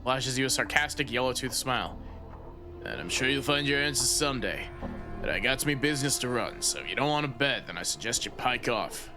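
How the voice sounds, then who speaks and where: A sarcastic, balding flophouse keeper in a fantasy game drawls his answers with slow mockery, as a man reads his lines on stream. His voice sits in an ordinary middle range. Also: mid-range voice, expressive, music in the background, lightly acted.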